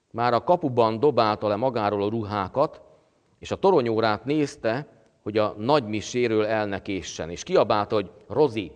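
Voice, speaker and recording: A man preaching a sermon as pastor, with a halting delivery full of pauses and fillers. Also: fairly low pitch, in a large hall. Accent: Hungarian.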